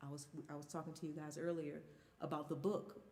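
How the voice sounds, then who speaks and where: A woman's voice: sits low, a little fast. Candid woman in her thirties, reverberant. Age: 30s. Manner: candid, animated storytelling. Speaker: guest singer. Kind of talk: casual chat.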